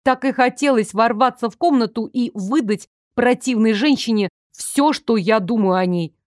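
Woman, audiobook narrator, first-person, ironic, expressive, dry close sound. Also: a little high, moderate pace, dry recording. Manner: lively, ironic, expressive reading.

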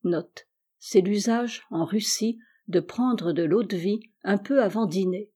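A woman reads a classic short story aloud at an even, measured pace. Her voice is mellow and warm, with a mid-range pitch and careful storytelling delivery. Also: husky. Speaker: audiobook reader. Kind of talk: literary audiobook narration.

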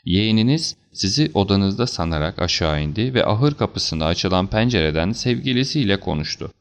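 A man voicing a calm, assured detective who explains things in a measured, slightly stern way, for an audiobook. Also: on the low side, gravelly, pitched above the performer's own voice. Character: calm, assured male detective, cool and deliberate. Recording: slightly dull lo-fi recording.

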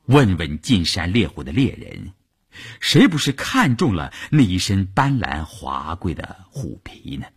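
Male audiobook narrator, dramatic, husky, widely varied pitch. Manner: dramatic, expressive reading. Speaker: storyteller.

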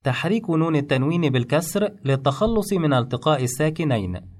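Man giving a measured spoken lesson. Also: on the high side, sing-song, darkish tone. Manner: measured, explains rules step by step. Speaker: teacher. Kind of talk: instructional narration.

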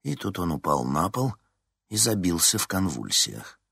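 A man narrates a novel in a low voice that rises and falls with feeling. The sound is close and dry, with no room around it. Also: moderate pace, vocal fry, breathy edge, no room sound. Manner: expressive, voices each character. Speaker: audiobook narrator. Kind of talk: scripted narration.

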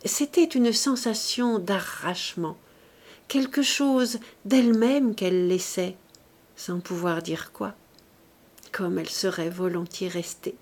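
A woman reads a classic novel aloud in a measured, expressive way. She takes her time and lets each phrase settle. Her mid-range voice rises and falls with the emotion of the story. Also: medium pitch. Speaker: audiobook narrator. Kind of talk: literary audiobook reading.

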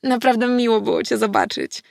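A woman voicing a cheerful, slightly tipsy female friend in an audiobook, with a lively, bubbly manner. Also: on the high side, a little fast, vocal fry, no echo, studio quality, pitched above the performer's own voice, exaggerated voice. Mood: playful. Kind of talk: audiobook character voice.

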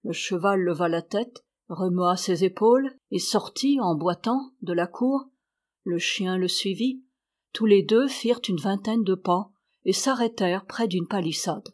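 A woman reading a classic short story aloud as an audiobook, in a measured, steady way. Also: mid-range voice. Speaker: audiobook reader. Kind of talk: literary audiobook narration.

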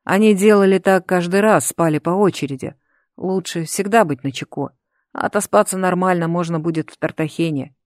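Female audiobook narrator, lowish pitch, dry close sound, steady delivery. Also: fairly quick, no room sound. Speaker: audiobook reader.

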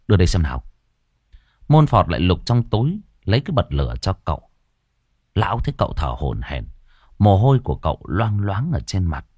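A man's voice: deep voice, darkish tone, slightly rough, no echo, clean studio sound. A man narrating a ghost story dramatically, acting out the characters' lines.

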